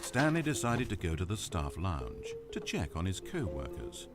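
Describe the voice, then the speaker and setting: An actor voicing a dry, wry, all-knowing narrator in a video game, measured and sardonic. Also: male voice, deep voice, very animated, over music. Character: dry, wry omniscient male storybook narrator. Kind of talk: scripted narration.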